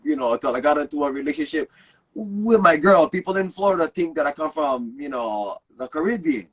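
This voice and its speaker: A young man from Hawaii, appearing as a guest, speaks earnestly and animatedly in a casual chat, using Pidgin phrasing and a Hawaiian Pidgin English accent. His voice is a little high, fairly quick and slightly rough.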